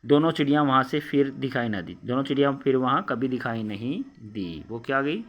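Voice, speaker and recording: A man's voice: medium pitch, lively intonation, moderate pace, muffled recording. Man explaining a story lesson to children. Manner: reads a line, then re-explains it in simple words with many fillers. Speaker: teacher.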